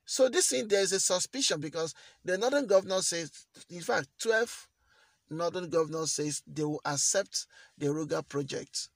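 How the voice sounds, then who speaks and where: A man talks straight to his viewers in a fairly high voice, earnest and repeating key lines to drive them home. The sound is dry and close, with no room around it. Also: vocal fry, no room sound. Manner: earnest, repeats phrases for emphasis. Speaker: news vlogger. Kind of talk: commentary to camera.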